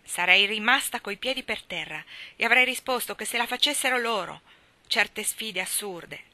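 Brusque middle-aged guardian, scolding and clipped, bright edge, voiced by a woman. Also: mid-range voice, normal speed, dry recording. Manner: curt, scolding.

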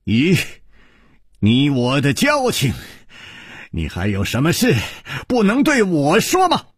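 A man voicing a calm, wise male hero who speaks in a measured, reflective way. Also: on the high side, slightly rough, dry recording, clean studio sound, voice pushed up, heavily acted.

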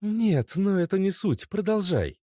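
A woman's voice: mid-range voice, big pitch swings, measured pace, warm tone, dry recording, studio quality, pitched above the performer's own voice. A man voicing an angry, disbelieving young woman who snaps accusations at her boyfriend. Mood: sharp. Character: young woman, quick-tempered, sharp-tongued girlfriend.

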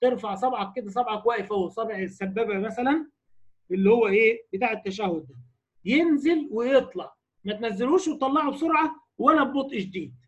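A man with an Egyptian Arabic accent teaching a lecture on Quran recitation rules, explaining briskly and keeping the class engaged with rhetorical questions. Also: very high-pitched, lively intonation, a bit bright. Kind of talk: tajweed lecture.

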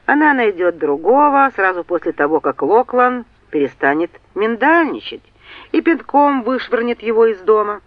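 A sardonic, quick-tempered young man, put on by a woman reading a novel aloud. He snaps and scoffs, his voice jumping around in pitch. The recording is close, dry and slightly muffled. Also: big pitch swings, no room sound. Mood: scornful. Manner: scornful, snapping.

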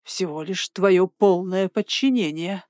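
A woman voicing a cold, hissing, unseen male creature who mocks the heroine in a slow drawl. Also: medium pitch, darkish tone, no echo, clean studio sound, close to an everyday voice. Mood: mocking menace.

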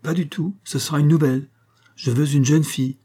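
A man voicing a kind invalid lady who speaks gently but firmly to her young servant, in a read-aloud novel. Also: on the high side, fairly even intonation, fairly quick, slightly rough, pitched above the performer's own voice. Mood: gentle, firm. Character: kindly invalid lady, firm yet tender.

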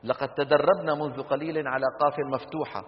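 A man lectures a class on Quran recitation, pausing to quiz the room and model sounds for them to repeat. His voice sits a little high for a man. The recording is dull and lo-fi, with a long hall reverb trailing each phrase. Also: steady tone. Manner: explanatory, quizzes class with rhetorical questions, demonstrates sounds.

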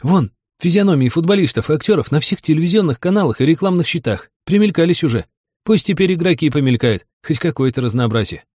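A man's voice: on the high side, expressive, quick pace, darkish tone, no echo, clean studio sound, voice pushed up. A man voicing an eager young male gamer coworker who chimes in agreeably, in an audiobook. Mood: agreeing. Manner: chiming in, agreeable.

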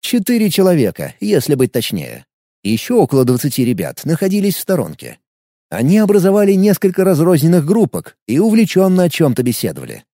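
A man's voice: on the high side, huge pitch swings, a little fast, warm tone, no echo, studio quality. A man narrating an audiobook in first person, with an ironic storytelling manner.

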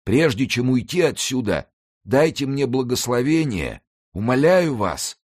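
A man's voice: mid-range voice, very animated, measured pace, darkish tone, breathy edge, pitched above the performer's own voice. A man voicing an old male beggar who is humble, pious and tormented in an audiobook. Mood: pleading.

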